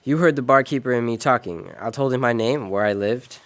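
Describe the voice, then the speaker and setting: An actor playing a hard-boiled, wisecracking private detective in a noir radio drama, terse and wry. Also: male voice, mid-range voice, brisk, close to an everyday voice. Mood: tense, defiant. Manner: wry, terse, tough-talking. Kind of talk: noir radio drama acting and first-person narration.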